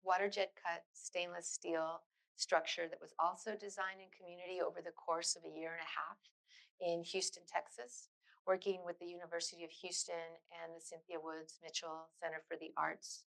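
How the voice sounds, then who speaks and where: A middle-aged woman giving a public lecture in a university auditorium, earnest and thoughtful, often pausing on fillers and restarting phrases. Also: lowish voice, level tone, gravelly, fairly bright tone, low-quality recording. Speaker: guest lecturer.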